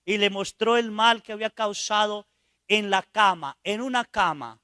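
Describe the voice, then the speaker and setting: A priest delivering a sermon in a high, bright man's voice, recorded close and dry. He tells a story to the congregation, slipping into quiet asides and testing them with rhetorical questions. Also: normal speed, clean tone, no echo.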